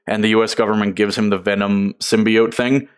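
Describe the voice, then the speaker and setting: Low-voiced laughing podcast host. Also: male voice, little pitch movement, a little fast, clear, resonant tone. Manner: chatty, laughs often. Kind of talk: casual podcast chat.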